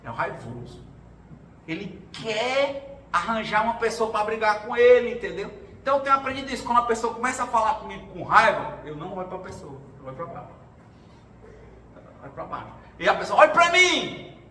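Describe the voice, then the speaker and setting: A man with a high, sharp voice talks briskly and with animation, recounting his own experiences at a spiritual gathering. It's relaxed storytelling in which he voices the people he quotes. The sound is roomy and distant, with faint noise underneath.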